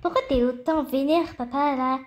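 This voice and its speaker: A woman's voice: high-pitched, steady tone, moderate pace, a little hiss or hum, voice pushed down, natural voice. A woman voicing a fussy, worried father of a teenager in a toy-game story, exasperated and fretting. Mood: stern.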